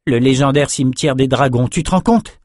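A man's voice: medium pitch, a little fast, a little mellow, no room sound, clean studio sound, pitched above the performer's own voice, natural voice. A man voicing an eager young male apprentice in an audiobook, talking insistently. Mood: excited.

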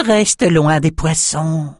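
A man voicing a squeaky, excitable runt of a male shaman who yelps with childlike glee. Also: slow pace, no room sound, clean studio sound. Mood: whiny. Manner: high yelping, childlike glee.

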